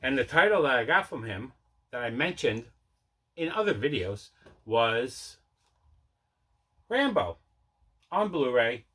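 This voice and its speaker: Hosting a collecting channel, this man chats through a casual unboxing vlog in a rambling way, correcting himself as he goes. His medium-pitched voice is sing-song, a bit bright and husky, with a slow delivery and long pauses.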